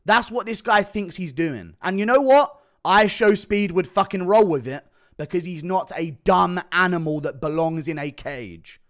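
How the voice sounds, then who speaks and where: A man's voice: high-pitched, expressive, normal speed, few pauses. A man giving emphatic, profane reaction commentary on a video clip, repeating quoted lines as he goes.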